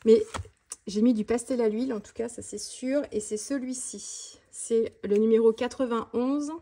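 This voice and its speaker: A woman vlogger chatting fast and casually about her art supplies, with many fillers and restarts. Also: fairly high pitch, steady tone, mellow. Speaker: mixed-media art vlogger. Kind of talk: casual tutorial chat showing art supplies.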